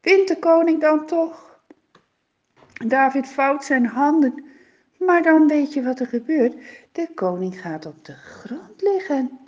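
A woman tells a children's Bible story with expressive, suspenseful narration. Her voice is high and unhurried. The recording sounds dull and lo-fi.

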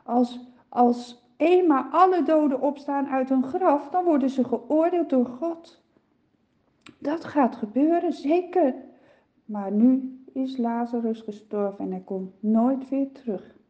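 A woman's voice: high-pitched, slow pace, highs cut off, pitched above the performer's own voice. A woman voicing a grieving, faithful young woman who pleads tearfully in a children's story. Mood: pleading.

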